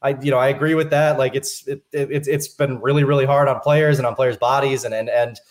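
A man's voice: mid-range voice, steady tone, fairly quick. A man co-hosting a casual sports podcast, hesitant and full of fillers. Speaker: podcast co-host.

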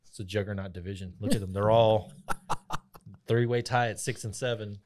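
Lowish voiced dude cracking jokes about football, casual back and forth. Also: male voice, fairly even intonation, darkish tone. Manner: wisecracking, quick asides. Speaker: podcast co-host. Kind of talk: casual sports chat.

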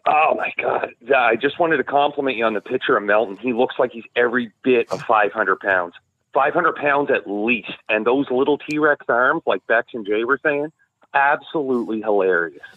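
A man's voice: mid-range voice, normal speed. A man calling in to a live show over the phone, chatting casually and teasing. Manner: joking, admiring. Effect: heard over the phone. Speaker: caller. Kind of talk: casual call-in chat. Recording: tinny phone line.

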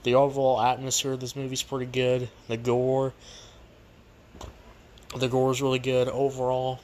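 A man's voice: medium pitch, monotone, normal speed, darkish tone. A man hosting a casual, unscripted movie review, rambling and repeating himself, recorded on a poor makeshift microphone. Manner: rambling, repetitive. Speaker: movie review show host. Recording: cheap makeshift mic, noisy background.

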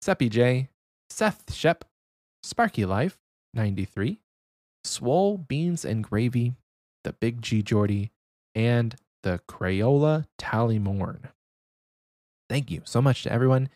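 A man's voice: mid-range voice, lively intonation, slow pace, pauses often, dry recording. A young adult man co-hosting a podcast in casual chat, keeping his voice down. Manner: talking quietly to avoid waking someone. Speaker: podcast co-host.

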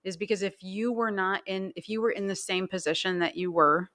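A woman's voice: medium pitch, a little fast, a bit bright, no room sound. A woman guest speaking as an earnest, encouraging hypnotherapist in conversation, repeating phrases for emphasis.

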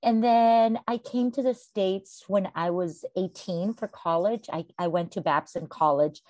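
A woman from Costa Rica, a venture capital founder, answering interview questions in a measured, storytelling way. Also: medium pitch, a little mellow, dry recording. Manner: measured storytelling with occasional fillers.

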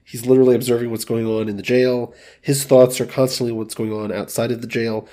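A man's voice: mid-range voice, flat delivery, fairly quick, dark tone. A man co-hosting a film podcast, describing scenes and characters in casual talk with wry asides. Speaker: podcast co-host.

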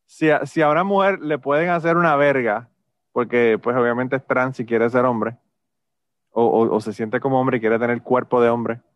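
A man's voice: mid-range voice, normal speed, no room sound. A man chatting casually as podcast host, joking and repeating himself as he builds to a point. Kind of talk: casual chat. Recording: dull, dry sound.

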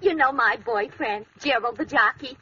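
A woman's voice: a little high, normal speed, bright, forceful tone, slightly rough. An actress playing a brash, wisecracking woman who calls everyone dearie, in a 1940s radio comedy. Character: brassy, tough-talking woman, man-hunting and catty. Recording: muffled old radio broadcast.

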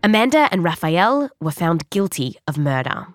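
A woman's voice: lowish voice, very animated, normal speed, dry recording, studio quality, soft background music. A woman with an Australian accent narrating a scripted science documentary in a conversational storytelling way, leaning on key words. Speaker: host and narrator.

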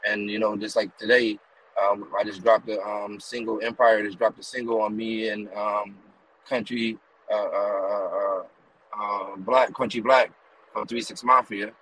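A man's voice: on the low side, level tone, a little slow, fairly bright tone, slight background noise, poor audio. A man from the US East Coast, a rapper and promoter telling long rambling stories in a casual interview while riding in a car. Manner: rambling run-on stories with many fillers and "you know what I mean". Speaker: guest, rapper and music promoter.

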